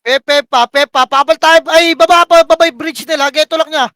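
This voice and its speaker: A man calling shots for his team in live game voice chat, barking rapid commands and countdowns and swearing. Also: very high-pitched, fairly even intonation, sharp tone, no room sound. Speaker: team shotcaller.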